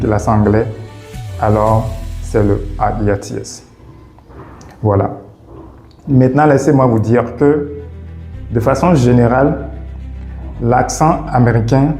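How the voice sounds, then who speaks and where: A man giving a casual video lesson as an English test advisor, unhurried, repeating his key points with many fillers. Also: medium pitch, warm tone. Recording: echoey room with faint music.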